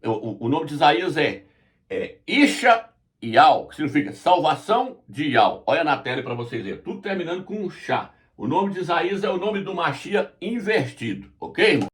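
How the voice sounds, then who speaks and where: A man giving a religious lesson at a whiteboard, explaining slowly and spelling out letters as he points. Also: a little high, very animated. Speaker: Bible teacher.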